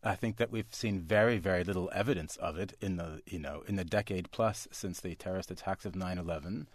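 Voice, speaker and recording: A man's voice: low-pitched, no room sound. A man from Canada, a guest author on a radio interview, speaking thoughtfully with frequent restarts and fillers. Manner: thoughtful, halting with many restarts.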